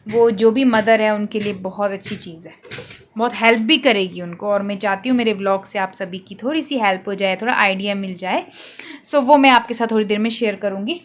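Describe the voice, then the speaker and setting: A woman's voice: medium pitch, fairly quick. Chatty young mother vlogging at home. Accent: Himachali Hindi. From Himachal Pradesh, India. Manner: chatty, mixes English phrases, talks to her baby. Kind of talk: casual home vlog chat. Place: home, indoors.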